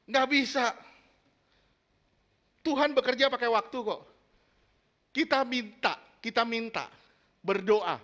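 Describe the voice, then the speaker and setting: A man preaches with a high voice, stressing his points and checking with his listeners. He acts out small scenes as examples. His tone is bright and forward. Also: takes it slowly, pauses often. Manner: emphatic, asks the congregation questions, acts out little scenes. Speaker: pastor. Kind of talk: sermon.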